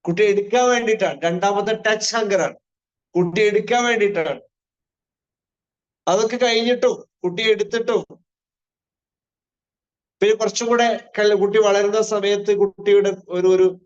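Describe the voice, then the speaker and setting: A man with a high voice gives a live online parenting lecture. He keeps asking his listeners rhetorical questions, repeats his key phrases and drops in English terms. The stream audio sounds dull and lo-fi. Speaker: parenting trainer.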